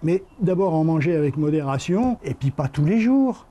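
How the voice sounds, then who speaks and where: A man chatting in a relaxed, anecdotal way during a documentary interview about his eating habits. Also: a little high, moderate pace. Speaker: hospital nutrition workshop participant.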